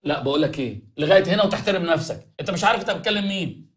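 A hapless groom in a TV comedy who gets fooled easily. His pitch swings widely and he speaks very fast. He sounds bewildered. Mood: confrontational. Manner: bewildered, lively, rapid. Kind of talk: TV comedy drama acting.

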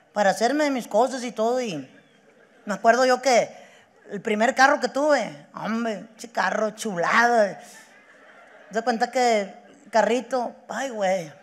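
A woman voicing a sentimental middle-aged man with a Mexican accent, halting and choked up as he mumbles about the past. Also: a little high, expressive, a bit bright, long reverb tail, voice pushed down. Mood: weepy. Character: sentimental middle-aged man mourning his old car.

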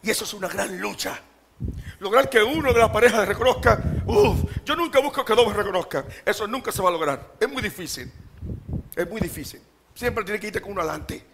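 A male pastor preaching with a notably high voice. He jokes and laughs easily and keeps calling out rhetorical questions to the congregation. His delivery stays animated throughout. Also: brisk, noisy background. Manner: humorous, laughs often.

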